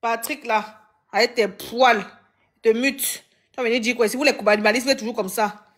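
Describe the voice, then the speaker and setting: A woman hosting a live stream, talking casually with animated, dramatic exclamations. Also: on the high side, normal speed.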